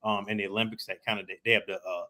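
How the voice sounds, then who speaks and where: A man's voice: fairly low pitch, level tone, rapid-fire, sharp tone. Chatty man explaining basketball moves. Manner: conversational, explains at length with fillers. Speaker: podcast co-host. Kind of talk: casual sports chat.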